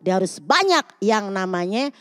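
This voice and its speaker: A woman preacher giving a lively, joking religious talk to a TV studio audience, acting out voices as she tells a story. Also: mid-range voice, moderate pace, dry recording. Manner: playful, acts out quoted voices loudly. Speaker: guest preacher.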